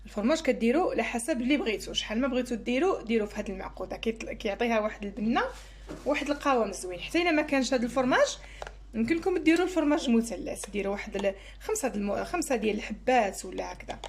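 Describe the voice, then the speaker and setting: A Moroccan-accented woman hosts a home cooking tutorial, talking fast and chatty as she explains every step. Her voice sits a little high, and a faint hum of background noise runs under the recording. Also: lively intonation. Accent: Moroccan Arabic. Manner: chatty, explains each step while working. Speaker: cooking channel host.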